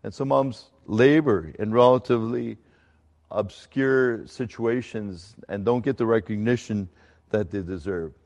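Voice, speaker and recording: A middle-aged male pastor who grew up in Ecuador, preaching a sermon in a conversational, halting way with fillers and restarts. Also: lowish voice, a little mellow. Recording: long hall reverb.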